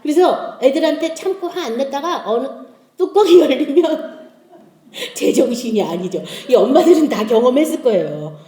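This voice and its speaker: Middle-aged woman giving lively church testimony. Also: high voice, normal speed, roomy sound. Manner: lively storytelling, acting out family dialogues with laughter. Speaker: lay speaker giving a testimony.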